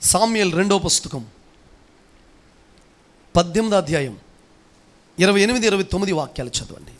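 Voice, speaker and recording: A man's voice: sits high, lively intonation, brisk. A man pastor preaching a sermon, pressing his hearers with rhetorical questions and calling on them to answer aloud. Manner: emphatic, fires rhetorical questions, calls the congregation to respond.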